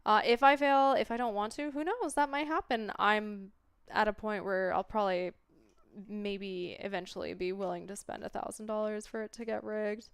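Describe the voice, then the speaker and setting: A woman's voice: medium pitch, steady tone, moderate pace, clear, resonant tone, dry recording. Laid-back stoned woman, clean close sound. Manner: rambling, laid-back stoner way of talking, trailing off into tangents. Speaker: livestreamer. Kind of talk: casual livestream chat with viewers.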